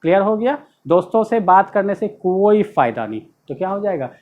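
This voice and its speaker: A man's voice: high-pitched, big pitch swings, fairly quick, narrow, tinny audio. Guy teaching grammar, keeps asking if you got it, leans hard on the key words. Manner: explains step by step, asks rhetorical questions, stresses key words. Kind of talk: classroom grammar lesson in Hindi.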